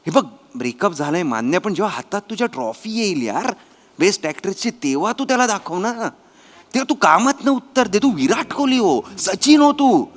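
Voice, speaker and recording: A man's voice: sits high, big pitch swings, normal speed. A man acting as an exasperated director in a comedy skit, alternately scolding and coaxing. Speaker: comedy sketch actor playing a director.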